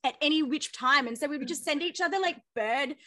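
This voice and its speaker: Female co-host, high voice, dry close sound, bubbly and gushing with lots of fillers. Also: a little fast, sharp tone, no echo. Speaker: podcast co-host. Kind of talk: casual chat.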